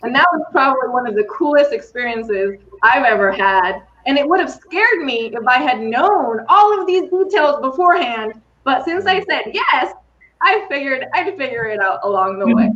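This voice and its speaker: A woman who works as a coach and keynote speaker, telling an enthusiastic, animated story during a podcast conversation. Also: high-pitched, normal speed, highs cut off, slight background noise.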